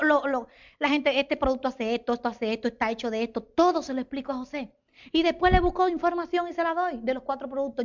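A woman from the Republic, giving an animated business talk to an audience and acting out sales conversations. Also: high voice, muffled recording. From Dominican Republic. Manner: animated, acts out sales dialogues, addresses audience as señores. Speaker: network marketing business speaker.

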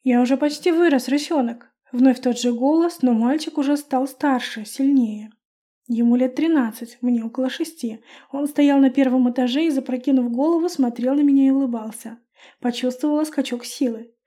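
A woman narrating a first-person fantasy audiobook with a lively, expressive reading. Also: high voice, normal speed.

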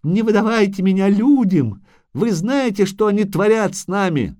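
Male reader doing a wailing shapeshifter creature, high guttural whine, lively pitch. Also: normal speed. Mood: pleading. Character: whining shapeshifter doppler, male, pleading.

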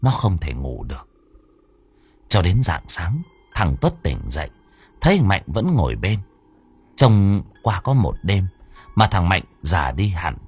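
Animated, husky male storyteller. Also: deep voice, measured pace, pauses often, faint music behind. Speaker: audiobook narrator. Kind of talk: scripted story narration.

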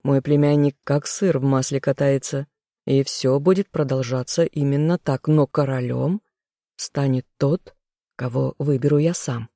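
An audiobook reader voicing a weary, stern king who speaks calmly and condescendingly. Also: mid-range voice, measured pace, no echo, studio quality, lightly acted. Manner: calm, condescending, firm. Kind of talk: audiobook role reading.

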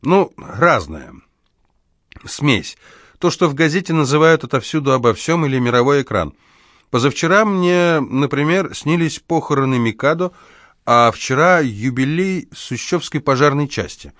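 A male reader voicing a confident, smooth-talking young con man in a cool, good-natured, unhurried way. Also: a little high, lively intonation, a bit bright, dry recording, clean studio sound, voice pushed up.

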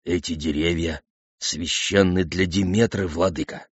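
A man voicing a frightened, timid old foreman who speaks in a fearful hush, in an audiobook. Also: medium pitch, animated, unhurried, slightly rough, dry recording, lo-fi sound. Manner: hushed, whispering, fearful.

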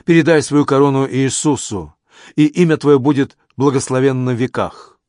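A man's voice: mid-range voice, normal speed, a little mellow, no room sound, studio quality, natural voice. A man voicing a fanatical, humble Essene preacher who pleads and insists with fervor. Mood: fervent. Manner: pleading, rising to ecstatic insistence. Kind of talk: audiobook character reading.

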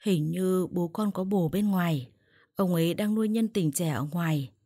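A woman voicing a sad, tearful older mother-in-law who speaks hesitantly, in a low husky voice. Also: mellow, dry recording, clean studio sound. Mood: sorrowful. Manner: hesitant, slow.

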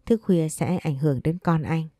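Woman reader doing a soothing, caring storybook husband; dark warm tone, soft music behind. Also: low-pitched, normal speed, no echo, studio quality, natural voice. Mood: tender. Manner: gentle, soothing. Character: caring young husband, gentle and teasing.

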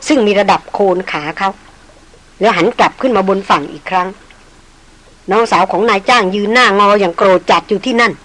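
A woman narrating a novel as an audiobook in a steady, measured way. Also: mid-range voice, rough recording. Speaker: audiobook reader.

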